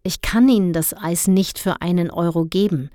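A woman voicing a polite, calm male ice cream seller who speaks courteously and formally in a storybook reading. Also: fairly low pitch, moderate pace, no room sound, studio quality, natural voice.

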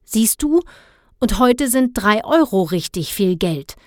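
A woman's voice: medium pitch, lively intonation, unhurried, slightly rough, no echo, clean studio sound. A woman voicing a young boy who begs and pleads with his father. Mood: pleading. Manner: begging, pleading.

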